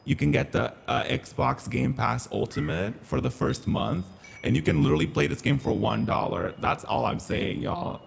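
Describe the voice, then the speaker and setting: Male streamer, voice-changer filtered, gravelly, lively campy game commentary, faint noise. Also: medium pitch, moderate pace. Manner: chatty, campy, playful. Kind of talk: casual live-stream commentary.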